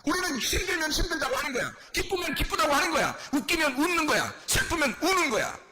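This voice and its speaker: A male pastor preaching a sermon and leading a shouted healing prayer with fervent intensity. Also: very high-pitched, sing-song, fast, noisy background. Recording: loud music behind the voice. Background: loud church music.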